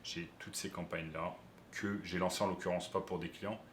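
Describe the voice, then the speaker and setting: A man's voice: low voice, fairly even intonation, normal speed, reverberant, noisy background. A man who coaches online business, explaining step by step to viewers during a screen-share tutorial.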